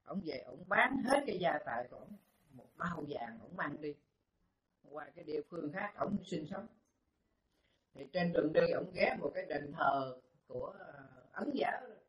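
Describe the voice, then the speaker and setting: A Buddhist monk telling folksy parables in a dharma talk, repeating words and pausing on fillers, in a dull, roomy recording. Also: male voice, a little high, lively intonation. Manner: folksy, repetitive, hesitant with fillers.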